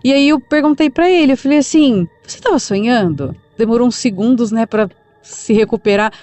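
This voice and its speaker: A woman with a Brazilian accent retells a listener's supernatural experience as a podcast narrator. She speaks in a calm, conversational manner with everyday fillers, her voice mellow and soft-edged. The sound is dry and close. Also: on the high side, fairly quick, no echo.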